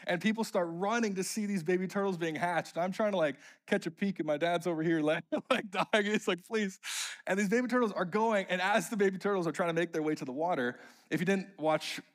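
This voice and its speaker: A young man preaching, telling a funny personal story and building to emphatic, animated preaching. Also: high-pitched.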